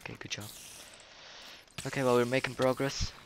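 A man's voice: mid-range voice, little pitch movement, fairly quick, background noise. A man playing a co-op game, chatting casually, often giggling and exclaiming. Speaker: gamer co-host. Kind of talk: casual gameplay chat.

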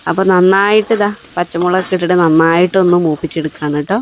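A woman narrating her home cooking in a casual, chatty way, speaking slowly and gently with a slightly hoarse voice from a lingering cough. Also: lowish voice, steady tone, a little hiss or hum. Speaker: cooking vlogger.

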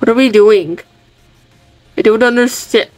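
A woman chatting away over a game she is playing, excitable and stumbling over her restarts. Her voice sits a little high, and she talks slowly and draws her words out. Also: no echo, low-quality recording. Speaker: gaming video creator. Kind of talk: casual gameplay commentary.

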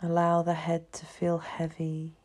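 A woman with a low, monotone voice leads a guided meditation slowly. Her scripted narration is soothing and hushed, unhurried, with long pauses.

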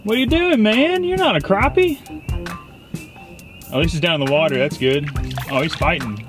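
A young man hosts a fishing vlog from a small boat on a lake at night, chatting upbeat as he shows off his catches in casual outdoor narration. His voice sits on the high side and is expressive, at a normal speed. Music is clearly mixed into the recording.

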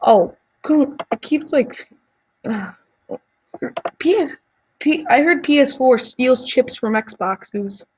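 A woman's voice: high voice, animated, takes it slowly, long pauses, darkish tone, slightly rough, lo-fi sound. A woman YouTuber chatting casually as she answers quiz questions, giving blunt opinions with frequent ums and restarts.

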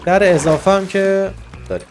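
A man giving excitable, joking commentary over a game, shouting and trash-talking the monsters. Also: sits high, over music. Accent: Iranian Persian. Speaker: gaming YouTuber. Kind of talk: Minecraft let's-play commentary.

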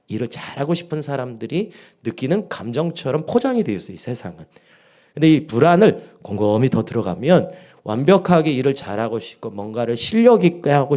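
A man's voice: medium pitch, mellow. A middle-aged male pastor delivering a dawn sermon, telling a story with quoted dialogue and building to emphatic exhortation. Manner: rises to emphatic peaks when exhorting.

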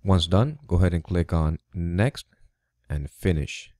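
A tutorial host with a low, dark voice walks through the steps of a tech tutorial in a plain, instructive, slightly halting voice-over. The USB studio microphone gives a dry, clean studio sound.

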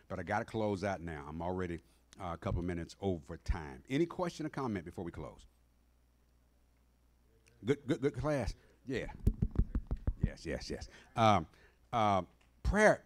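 A middle-aged man teaching a Bible class in a church sanctuary, emphatic and asking the class questions as he goes. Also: fairly low pitch. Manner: emphatic, call-and-response questions. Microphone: standing in front of a mic stand.

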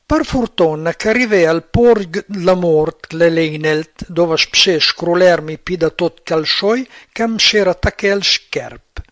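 A man's voice: fairly high pitch, slow pace, hardly any pauses, fairly bright tone, no echo, clean studio sound. A man with an Emilian accent telling an everyday story in dialect. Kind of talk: spoken dialect monologue.

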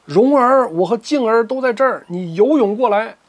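A man voicing a bold, scornful old beggar who is a martial arts master, speaking gruffly and taunting. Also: a little high, sing-song, moderate pace, a little mellow, pitched below the performer's own voice. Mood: urgent.

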